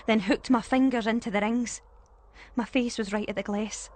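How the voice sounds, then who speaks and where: Narrating a first-person ghost story, a woman with a Scottish accent builds suspense expressively. Her voice is a little high.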